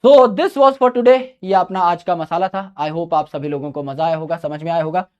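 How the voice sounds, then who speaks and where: A man's voice: fairly high pitch, moderate pace, a little mellow, clean tone. A young man teaching a live online biology class, giving study advice in a chatty way and mixing in English phrases. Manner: chatty, mixes Hindi with English phrases, calls students brother.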